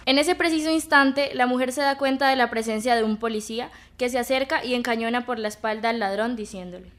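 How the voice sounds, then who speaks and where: A woman narrating an audio story in a measured, dramatic reading style. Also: fairly high pitch, fairly bright tone.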